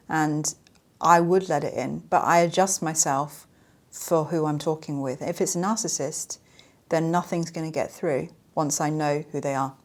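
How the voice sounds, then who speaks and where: A woman's voice: deep voice, a little mellow. A woman hosting a solo podcast, talking earnestly and emphatically and repeating her points for stress. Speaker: podcast host.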